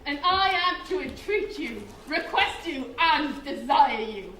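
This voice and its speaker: A woman playing a fussy, flustered director of amateur actors on stage, bossy and excitable. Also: sits high, slow pace. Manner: bossy, excitable, laughs between lines. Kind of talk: stage play performance. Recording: echoey hall with background noise.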